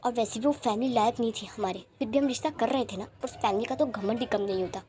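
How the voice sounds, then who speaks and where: A woman's voice: fairly high pitch, fast talker, warm tone, lightly acted. A woman voicing a proud, dismissive wealthy mother. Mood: haughty. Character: haughty wealthy mother, later stammering in fear.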